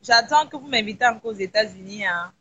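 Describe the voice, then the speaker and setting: A woman's voice: on the high side, a little fast, sharp tone, husky. A woman hosting a live video call, chatty and laughing, dropping English words into casual talk. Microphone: phone on a video call. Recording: slightly muffled with faint noise.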